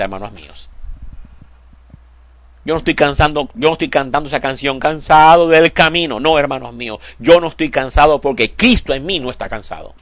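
Older man preaching a fervent sermon. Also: medium pitch. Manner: fervent, repeats "hermanos santos" with a soft drop at phrase ends; stumbles and repeats words when moved.

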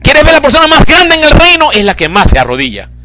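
High, lively preacher man. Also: fast talker, background noise. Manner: dramatic preaching, swings from low murmurs to shouted cries. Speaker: pastor. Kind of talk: sermon.

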